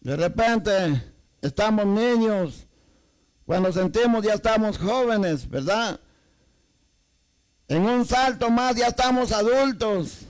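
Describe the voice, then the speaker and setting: High-voiced, unhurried male preacher. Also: poor audio. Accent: Salvadoran Spanish. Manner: rhetorical questions to the congregation, repeats "amados hermanos". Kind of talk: sermon.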